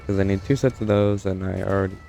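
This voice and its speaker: Young male gamer, low gravelly voice, offhand rambling commentary, soft music underneath. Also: fairly even intonation, fast. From United States. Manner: rambling, self-correcting, dry asides. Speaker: gameplay streamer. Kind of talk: casual let's-play commentary.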